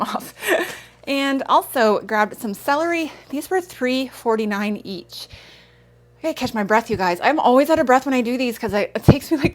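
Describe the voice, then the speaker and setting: A woman in her thirties chatting casually through a grocery haul vlog, rambling with self-aware asides. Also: a little high. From Canada. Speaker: vlogger.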